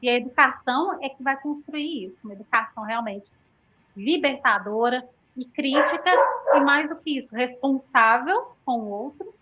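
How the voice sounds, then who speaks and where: A Brazilian woman in her thirties speaks reflectively in a conversational panel discussion, often adding tag questions to her points. Her high voice is expressive and moderately paced, captured in dull, lo-fi audio with heavy background noise.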